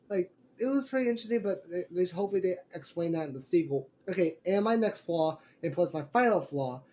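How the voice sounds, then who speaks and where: A young man with a noticeably high-pitched voice talks through an off-the-cuff review. He rambles and circles back, filling gaps with fillers and restarting his sentences. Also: mellow, a little hiss or hum. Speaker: movie reviewer. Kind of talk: casual spoken review.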